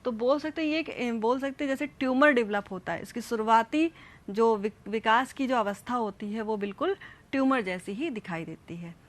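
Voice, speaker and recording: Woman science teacher, higher voice, patient step-by-step classroom explaining. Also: moderate pace. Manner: addresses children directly, repeats and demonstrates step by step. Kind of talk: classroom science lesson with demonstrations.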